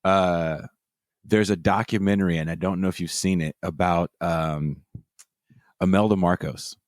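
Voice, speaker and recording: Recorded in a clean, dry studio, an Oakland, California man hosts a relaxed interview podcast. His voice is low and steady and a touch slow, and he laughs frequently and swears freely.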